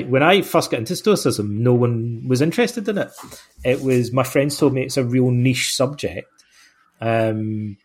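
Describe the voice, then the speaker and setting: A middle-aged Scottish man with a medium-pitched, slightly mellow voice answers interview questions about his work as an author. His relaxed, conversational replies ramble and run self-deprecating, full of fillers and restarts.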